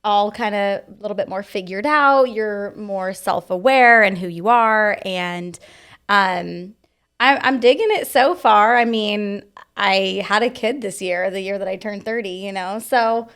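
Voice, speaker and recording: A woman's voice: mid-range voice, measured pace, a bit bright, clear, resonant tone. A thirty-year-old woman in casual, upbeat podcast chat as a co-host.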